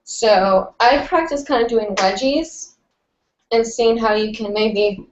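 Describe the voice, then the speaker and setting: A young woman with a stuffy, nasal, fairly high voice answers viewers' hooping questions on a live stream, chatting casually and rambling with many fillers. She speaks slowly, and the sound is lo-fi.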